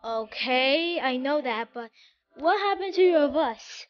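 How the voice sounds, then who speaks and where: A woman's voice: expressive, takes it slowly, lo-fi sound. A woman playing an eager, bossy planet Earth. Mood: puzzled. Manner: eager, bossy, high-pitched.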